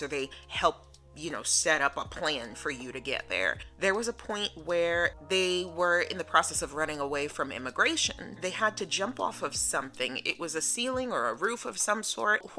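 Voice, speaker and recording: A woman's voice: low voice, sharp tone. A woman from the United States telling a personal story in a casual, chatty vlog style. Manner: casual, chatty, laughing now and then. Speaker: vlogger. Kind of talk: storytime narration.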